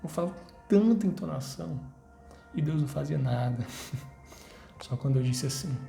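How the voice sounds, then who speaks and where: A young Brazilian man in his twenties speaks earnestly to his viewers, urging them on with repeated phrases. His voice is mellow with a gravelly edge. The recording is roomy, with soft music underneath. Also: fairly high pitch, expressive, moderate pace. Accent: Brazilian Portuguese. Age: 20s. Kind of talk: personal faith testimony to camera. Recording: roomy echo, faint music behind.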